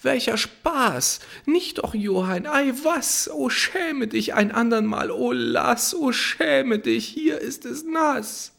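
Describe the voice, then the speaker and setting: A man voicing a flustered young peasant girl in a high falsetto, pleading fretfully. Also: lively intonation, slow pace, vocal fry, hardly any pauses, a bit bright, exaggerated voice. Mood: coyly protesting.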